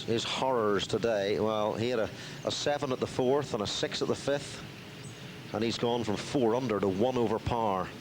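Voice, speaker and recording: A man giving measured live television golf commentary, with dry, wry asides. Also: lowish voice, noisy background.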